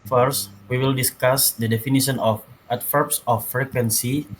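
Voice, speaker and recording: A man's voice: mid-range voice, steady tone, normal speed, slight background noise, rough recording. A young man from Indonesia, a student reading his presentation slides aloud, with small restarts. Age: young adult. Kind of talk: class presentation.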